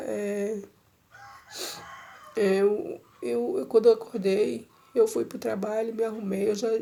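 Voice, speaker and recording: A woman's voice: medium pitch, vocal fry, dark tone. A middle-aged woman giving an emotional personal church testimony, repeating herself and addressing listeners tenderly.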